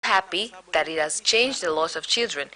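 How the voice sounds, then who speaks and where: A woman reading a formal news voice-over translation in a measured, steady way. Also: fairly low pitch, low-quality recording. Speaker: voice-over interpreter.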